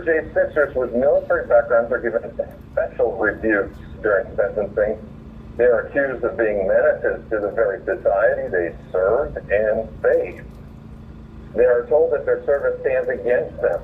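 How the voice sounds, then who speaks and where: Calling in, a man with a mid-range voice reads his own written opinion piece aloud and then makes informal remarks, sounding earnest and indignant. The phone line audio is muffled and distant, with faint noise.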